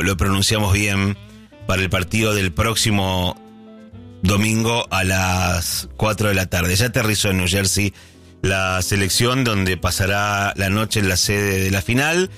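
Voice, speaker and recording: On his relaxed early-morning radio program, a middle-aged radio host speaking with a Rioplatense Spanish accent thinks out loud, full of fillers and false starts. He has a low-sitting, slightly bright voice.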